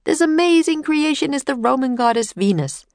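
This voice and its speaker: A woman's voice: sits high, lively intonation, moderate pace, no echo, pitched above the performer's own voice. A woman voicing a male tour guide who announces sights through a megaphone in a grand, sing-song way. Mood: announcing.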